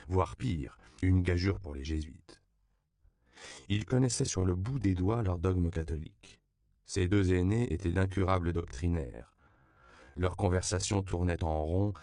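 A man narrating an audiobook with a very deep, gravelly voice. His reading is even and measured, smooth and resonant, recorded close and dry. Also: no echo.

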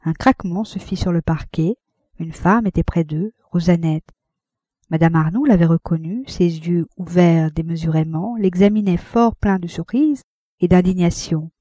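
A woman narrating a classic novel in a measured, even storytelling manner. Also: on the low side, no room sound. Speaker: audiobook narrator.

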